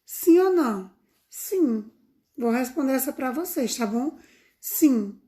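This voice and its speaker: Woman teacher, high voice, unhurried, sing-song for little kids, phone-recorded lesson. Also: lively intonation, mellow. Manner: slow, sing-song, affectionate teacher talk to young children. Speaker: primary school teacher. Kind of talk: recorded remote lesson for children.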